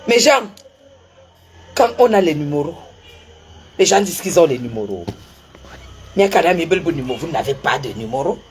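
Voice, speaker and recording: A woman's voice: deep voice, very animated, normal speed, pauses often, darkish tone, slight background noise. A woman, effusively showing off gifts in a vlog and repeating her exclamations. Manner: effusive, repetitive, laughing exclamations. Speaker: social media personality. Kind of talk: excited unboxing vlog.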